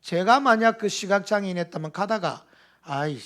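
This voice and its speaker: A middle-aged man with a Gyeongsang accent preaches a sermon with animated delivery. His voice sits high and swings widely, and he slips into acted lines of dialogue in his regional dialect. The style is a church sermon. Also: moderate pace. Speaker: pastor.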